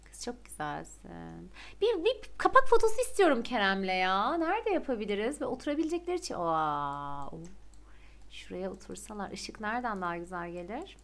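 Excitable young woman streamer, lively pitch. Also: a little fast, vocal fry. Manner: chatty, excitable, gushing, addresses viewers. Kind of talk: casual gameplay commentary.

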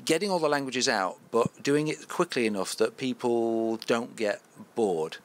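A man's voice: medium pitch, unhurried. A man hosting a podcast, interviewing in a chatty, conversational way and affirming often. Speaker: podcast host.

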